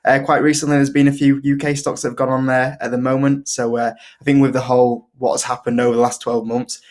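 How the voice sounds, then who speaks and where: A man with a Yorkshire accent talks in a casual, chatty way as an interview guest. His pitch is average and moves very little, giving an even, level delivery. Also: brisk. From Leeds, Yorkshire, UK. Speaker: investing video creator, guest.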